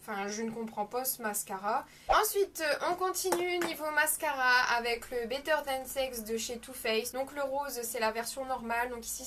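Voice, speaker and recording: A woman's voice: high-pitched, fairly bright tone. A woman talking through makeup products in a casual review vlog, chatty and frank, with many hesitations and self-corrections. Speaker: beauty vlogger.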